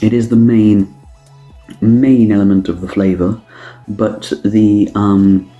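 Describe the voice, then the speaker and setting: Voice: low voice, steady tone, takes it slowly, warm tone, lo-fi sound, faint music behind. A casual tasting review, the speaker thinking aloud with many ums and restarts while trying a drink. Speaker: drinks taster reviewing canned cocktails.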